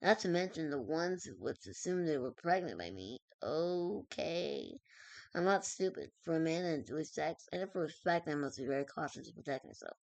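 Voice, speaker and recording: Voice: mid-range voice, lively intonation, moderate pace, creaky, a little mellow, no room sound, low-quality recording. A streamer reading a web story aloud, stumbling over words, correcting themselves and dropping in casual asides.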